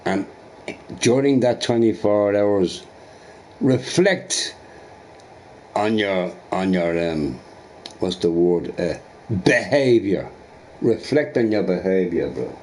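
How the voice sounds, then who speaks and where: Brief: male streamer, slow, mocking rant, voice leaps high then drops to a mutter, lots of repetition. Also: animated, a little mellow, slight background noise. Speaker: live streamer. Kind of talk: angry rant at a chat viewer.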